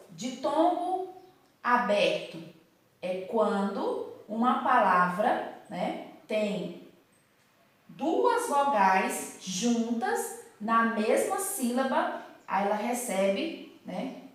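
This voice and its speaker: A woman teaching a class from the whiteboard, her fairly high voice patient and explanatory. She keeps asking questions and checking that pupils follow. The room rings with heavy echo, and she sounds some distance from the mic. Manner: explanatory, asks rhetorical questions with frequent tag "né".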